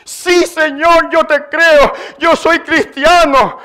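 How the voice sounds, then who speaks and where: A man's voice: extremely high pitch, fairly even intonation, takes it slowly, bright, forceful tone, voice pushed up, heavily acted. A man voicing a frightened male mountain climber who dangles from a branch and pleads for help. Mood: pleading.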